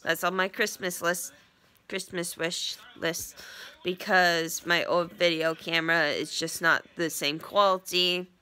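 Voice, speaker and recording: A young woman vlogs from her couch in a small living room, filming a casual update with her phone's front camera at arm's length. Congested from a sinus infection, she speaks in a fairly low but bright, clear voice, level in tone and a little slow. Her talk wanders, full of ums and false starts.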